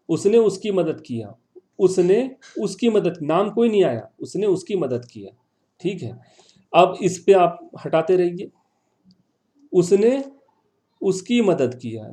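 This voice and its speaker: A man's voice: a little high, mellow. A male teacher giving an online class, patiently repeating words and quizzing his students.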